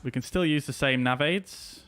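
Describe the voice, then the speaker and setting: A man's voice: fairly high pitch, moderate pace, fairly bright tone, faint music behind. A man streaming a flight simulator as an airline pilot, giving casual running commentary and making his own radio calls.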